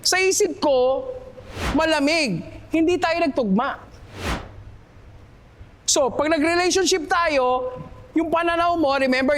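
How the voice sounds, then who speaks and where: A male communication coach giving a lively seminar talk, questioning the audience and switching between Tagalog and English. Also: extremely high pitch. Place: hall with a live audience. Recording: long hall reverb, faint room noise.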